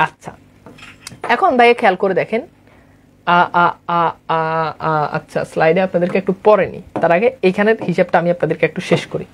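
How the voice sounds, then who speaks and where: A woman's voice: fairly low pitch, fast, slight background noise. A woman teaching a grammar lesson online, repeating points and quizzing her listeners. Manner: repetitive, drilling, quizzes listeners often.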